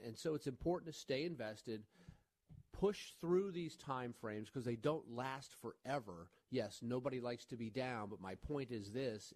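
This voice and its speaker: A man's voice: medium pitch, a little mellow, no echo. A man hosting a financial advice radio show, giving emphatic, reassuring advice and checking in with "right?" and "okay?". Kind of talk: radio call-in talk.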